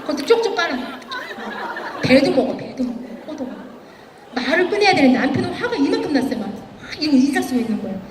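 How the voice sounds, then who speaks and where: A woman's voice: sits high, big pitch swings, fast talker, crowd noise, background noise. Woman guest speaker in a big echoey hall, telling stories and doing the voices, recorded from afar. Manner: storytelling, acting out quoted dialogue. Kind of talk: motivational stage speech with anecdotes. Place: large event hall. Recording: echoey hall, far from the mic.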